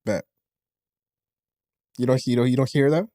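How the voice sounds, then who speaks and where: A man in casual podcast chat, talking in a relaxed, slangy way. His voice sits at an ordinary middle pitch for a man. The recording is dry and close, with no room sound. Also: moderate pace, dry recording. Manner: slangy, peppers talk with "yo" and "fam". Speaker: podcast co-host.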